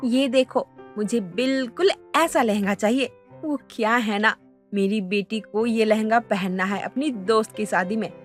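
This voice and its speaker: A woman voicing a quick-tempered middle-aged mother in a cartoon story, haggling and indignant. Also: a little high, faint music behind, natural voice. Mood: explaining.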